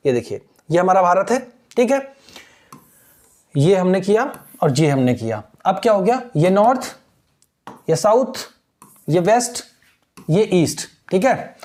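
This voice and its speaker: A man teaching an exam-prep lesson, explaining step by step, asking and answering his own questions, reading English phrases slowly and repeating key words. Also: high-pitched, sing-song, a little mellow.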